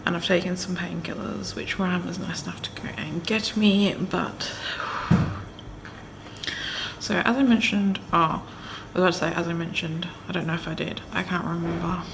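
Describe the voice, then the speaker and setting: A woman's voice: on the low side, steady tone, normal speed, gravelly. A young woman chatting casually to a vlog, her speech muffled and puffy-mouthed from a sore jaw after dental work. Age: young adult. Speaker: vlogger. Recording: noticeable background noise.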